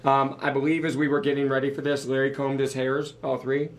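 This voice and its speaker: A man co-hosting a live business podcast, hoarse from losing his voice, upbeat and joking as he runs through the agenda. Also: mid-range voice, little pitch movement, a little fast. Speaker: podcast co-host.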